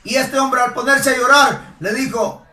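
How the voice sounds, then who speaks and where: A man preaching a sermon emphatically, asking rhetorical questions and rising to shouts. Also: very high-pitched, moderate pace, soft background music. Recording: echoey room, voice from a distance.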